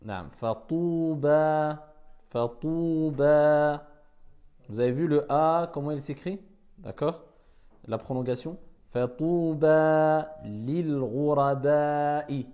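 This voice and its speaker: A man's voice: a little high, very slow, warm tone, highs cut off. A man teaching a reading class, patiently repeating words and correcting his pupils.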